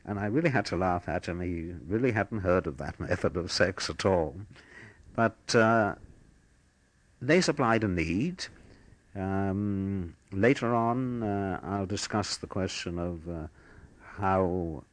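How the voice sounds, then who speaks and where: An older man, a war veteran, telling his memories in a measured, matter-of-fact way for an oral history. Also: low voice, lively intonation, no room sound.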